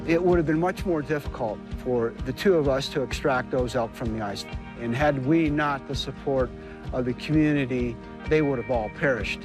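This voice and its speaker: A man's voice: medium pitch, moderate pace. A man recalling an incident in an interview as one of the rescuers. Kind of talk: interview recollection. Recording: music laid under interview.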